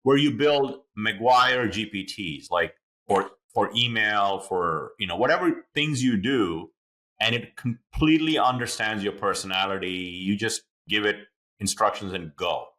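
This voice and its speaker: With a lowish, fairly bright voice and a measured pace, a man hosting an interview podcast gives long, enthusiastic explanations. He's chatty and uses many fillers.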